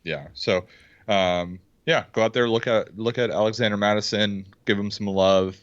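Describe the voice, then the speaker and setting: Excitable deep-voiced man co-hosting. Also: normal speed, clean tone, no room sound. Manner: excitable, pounds the table. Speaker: podcast co-host. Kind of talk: casual fantasy football chat. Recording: dull, dry lo-fi sound.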